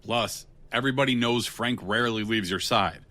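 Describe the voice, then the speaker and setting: An actor in an audio drama plays a plain-spoken tough guy who is wry, unafraid and kind underneath. His medium-pitched male voice has a sharp edge and a moderate pace, and he delivers lines in a dry, blunt, sardonic manner. The acting is light, with a wry, probing mood.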